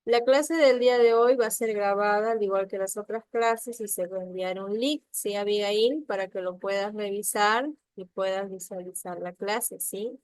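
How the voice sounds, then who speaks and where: A woman teaching a primary school spelling lesson online, patient and slow, often checking that the students follow and sounding out words syllable by syllable. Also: mid-range voice, a little mellow, no echo. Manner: slow, patient, checks understanding with frequent questions. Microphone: computer mic on a video call.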